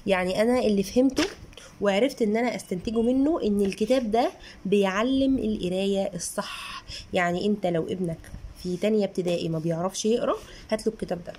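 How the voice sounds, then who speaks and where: A woman in her thirties with an Egyptian Arabic accent, a mother chatting earnestly through a casual book review and sometimes sounding out syllables slowly. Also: mid-range voice, warm tone, slight background noise. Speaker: mother reviewing children's books.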